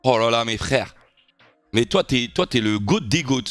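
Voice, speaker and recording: A young man talks to his live-stream audience in a loose, animated way, his voice sitting at an ordinary middle pitch. The sound is dry and close, with faint music running underneath. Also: moderate pace, dry recording. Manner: animated, keeps addressing his viewers as guys. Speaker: streamer reacting to football news. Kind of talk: casual live-stream chat.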